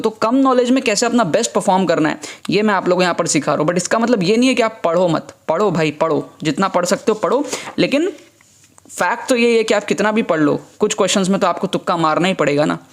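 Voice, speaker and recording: A man's voice: sits high, animated, fast. A young man teaching an exam prep lesson in a casual, chatty way, repeating his points and checking in often.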